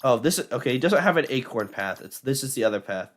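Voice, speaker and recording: A young adult man streaming a video game, talking in an excitable, rambling way with many fillers and restarts as he plays. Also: medium pitch, quick pace. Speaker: gaming streamer. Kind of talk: live gameplay commentary.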